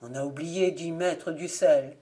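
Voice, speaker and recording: A woman's voice: deep voice, steady tone, a little slow, dark tone. A woman reading aloud and voicing a stubborn nobleman husband in a storybook legend, with indignant, complaining speech.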